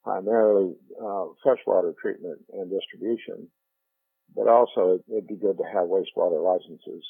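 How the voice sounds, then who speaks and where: An older man reminiscing in an interview in a halting way, with pauses and repeats, speaking over a telephone. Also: deep voice, vocal fry, slightly rough, dry recording. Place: on a telephone call. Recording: muffled telephone line with electrical hum.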